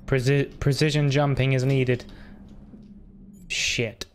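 A man's voice: mid-range voice, level tone, slow pace, a little hiss or hum. A young man giving cheeky, jokey commentary as a scared horror game streamer, wisecracking through his nerves.

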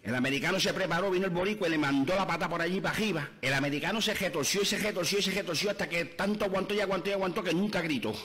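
Fast Puerto Rican man telling jokes. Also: high voice, a bit bright. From Puerto Rico. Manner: quick storyteller, slips into characters' lines. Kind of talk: joke telling.

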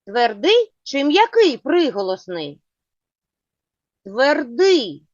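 Woman teacher, children's lesson, slow and patient, dry close sound. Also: high-pitched, no echo. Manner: slow, clear, patient questioning. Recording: dull lo-fi sound.

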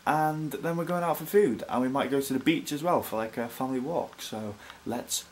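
A man's voice: mid-range voice, normal speed. A young man in his twenties, chatting upbeat and jokey to the camera in a casual vlog. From North Wales. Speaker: vlogger. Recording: noisy handheld vlog audio.

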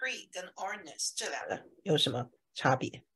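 Lively husky woman teaching a class. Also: on the low side, normal speed. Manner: lively questioning, checks for questions often. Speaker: English teacher. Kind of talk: classroom vocabulary lesson.

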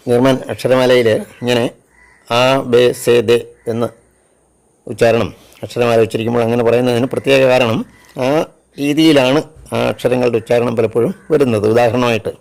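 A man with a Malayali accent gives a slow spoken language lesson, spelling words out letter by letter and switching between Malayalam and English. His voice is mid-range, creaky, and a little mellow.

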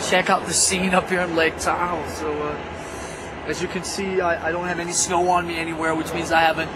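A laid-back man rambles to a close-held camera out on a windy ski slope, his voice fairly high for a man and full of "uh"s and jokes. Outdoor ambient noise is clearly heard behind him. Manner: loose, joking, lots of filler. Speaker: vlog host. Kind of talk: casual on-camera chat. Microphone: handheld camera held close.

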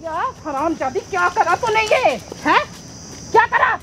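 Woman as an indignant middle-aged mom, very high voice, scolding. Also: animated, a little slow, heavy background noise, exaggerated voice. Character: outraged middle-aged mother scolding her daughter. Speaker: mother. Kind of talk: staged confrontation skit.

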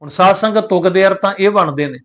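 A man with a notably high voice gives a devotional teaching talk, close to the mic. He explains step by step in a measured, patient way. He keeps turning to the listeners with rhetorical questions. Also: a bit bright. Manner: addresses the congregation, poses rhetorical questions. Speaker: Gurbani pronunciation teacher.

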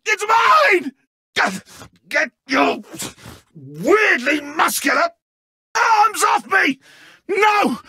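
A man playing a petulant, theatrical video game villain stripped of his godlike powers, with a raspy, strained, melodramatic delivery. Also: very high voice, sharp tone, dry recording, clean studio sound, full character voice. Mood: raging, shrieking. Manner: melodramatic, drawn-out, emphatic. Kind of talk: dramatic animated game acting.

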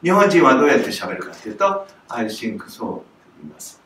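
A man's voice: a little high, very animated, quick pace, fairly bright tone, distant mic. An older Japanese man, a music teacher, giving a lesson to camera and acting out sounds with strong breath. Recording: roomy echo, voice from off the mic, faint noise.

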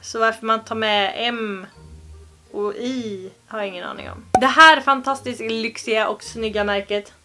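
A woman's voice: fairly high pitch, steady tone, over music. A young Swedish woman vlogging to camera in a playful, joking way, with exaggerated pronunciations. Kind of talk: casual vlog to camera.

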